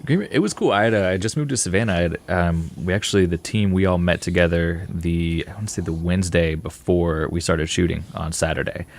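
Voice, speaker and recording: A young man being interviewed as a filmmaker guest, answering in a relaxed, rambling way with fillers. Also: deep voice, fairly quick, few pauses.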